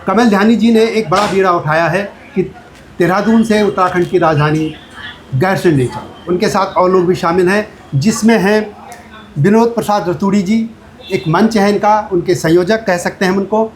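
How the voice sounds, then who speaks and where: A man hosting as a journalist, relaxed and agreeable, with quick acknowledgements between his questions. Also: high-pitched. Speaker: journalist host. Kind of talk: conversational interview.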